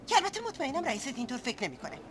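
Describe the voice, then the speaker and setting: An actress dubbing a hurried, insistent young woman who works as a hotel maid. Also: high-pitched, sing-song, slight background noise. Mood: indignant. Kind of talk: film dub.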